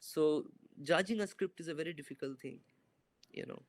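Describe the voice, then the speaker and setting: The guest is a young filmmaker whose voice sits on the high side, moving at a moderate pace with no room sound. Joining the interview by video call on his laptop camera from a bright indoor room, he answers thoughtfully but hesitantly, with many fillers and restarts.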